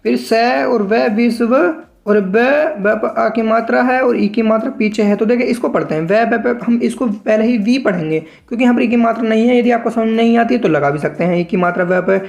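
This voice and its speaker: A shorthand teacher giving a patient step-by-step tutorial, sounding out syllables slowly one at a time and addressing learners as friends. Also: medium pitch, gravelly, darkish tone.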